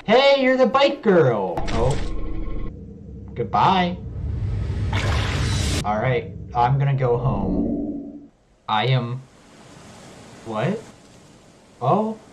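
A man's voice: mid-range voice, sing-song, extremely slow, pauses often. A young man streaming a video game with casual, playful commentary, talking to the game's characters. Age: young adult. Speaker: gaming streamer. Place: small bedroom, indoors. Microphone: boom-arm microphone close up, headset worn. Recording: noisy game sound behind voice.

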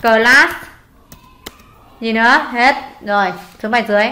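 A high, bright woman's voice with a Vietnamese accent, patiently quizzing a student through an English test. She prompts each answer, confirms it and explains the grammar. The sound is echoey, as if recorded in a bare room. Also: measured pace. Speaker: English tutor. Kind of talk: one-on-one tutoring, going through a test.

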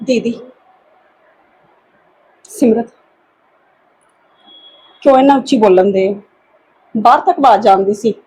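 A woman playing an aunt in a family drama, reasoning calmly and pleading for patience. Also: a little high, slow, long pauses, slightly rough. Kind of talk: acted family drama dialogue.

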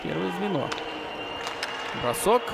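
A man commentating live on ice hockey, with excited goal calls. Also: high voice, takes it slowly, vocal fry. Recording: very noisy arena, loud background ambience.

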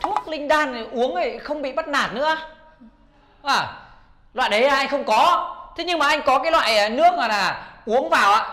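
A man's voice: very high-pitched, animated, moderate pace, pushed and bright, roomy sound, a little hiss or hum, heavily acted. An actor playing a sly male prankster who teases and schemes as he offers a potion. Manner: teasing, scheming.

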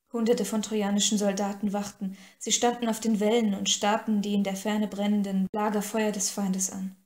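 A woman narrating an audiobook in first person in a calm, even storytelling voice. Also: medium pitch. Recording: echoey room.

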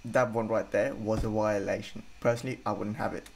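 A man's voice: lowish voice, steady tone, a little fast, gravelly, heavy background noise. A young man chatting casually as he comments on short clips as a reaction host. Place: bedroom, indoors. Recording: music and clip audio behind.

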